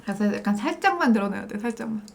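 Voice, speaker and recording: A woman's voice: medium pitch, animated, fast talker, a little hiss or hum. A woman from South Korea chats casually and playfully to viewers as the host of an eating show. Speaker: mukbang host.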